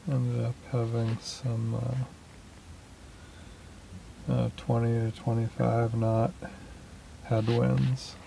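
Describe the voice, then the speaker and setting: A man talking casually in a slow, halting way with many fillers, recorded in a small boat cabin at anchor. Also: medium pitch, completely flat delivery, vocal fry, warm tone, a little hiss or hum, poor audio. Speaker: small boat sailor vlogging. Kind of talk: casual spoken log.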